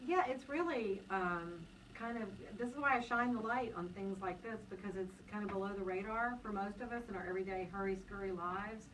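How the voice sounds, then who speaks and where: A woman's voice: mid-range voice, a bit bright, far from the mic, rough recording. Woman, radio host, chatty, enthusiastic, off-mic, faint hiss. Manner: chatty, enthusiastic, quick interjections. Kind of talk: radio interview. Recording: voice a little off-mic with light noise.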